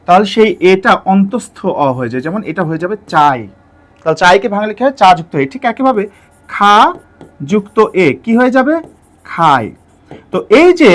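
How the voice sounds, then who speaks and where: A man teaching a Bengali grammar lesson for exam preparation, explaining step by step, repeating key points and putting questions to the viewer. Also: high-pitched. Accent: Bangladeshi Bengali.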